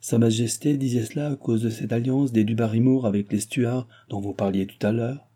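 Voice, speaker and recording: A man's voice: medium pitch, steady tone, fairly quick, warm tone, lightly acted. A man voicing a timid old woman petitioner. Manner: hesitant, deferential. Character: timid elderly female litigant.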